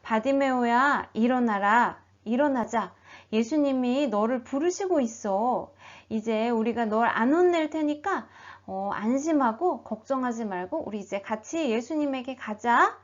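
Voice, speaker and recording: A woman's voice: a little high, expressive, unhurried, few pauses. A woman voicing a crowd of villagers who order a beggar about in a bossy, scolding way, in a storybook telling. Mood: coaxing. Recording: dull lo-fi recording.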